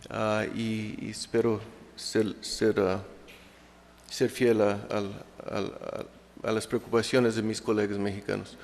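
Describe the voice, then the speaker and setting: In an echoing lecture hall, a hesitant man gives an academic conference presentation in a second language. His medium-pitched speech is peppered with fillers and restarts.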